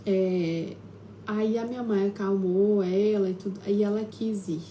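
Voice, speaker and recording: Brazilian Portuguese woman, live-stream host and therapist, warm dark timbre, chatty and hesitant, faint background hiss. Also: mid-range voice, steady tone, a little slow. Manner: conversational, with frequent tag questions and filler hesitations. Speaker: self-healing therapist hosting a live stream. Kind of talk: casual live-stream talk, personal storytelling. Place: at home.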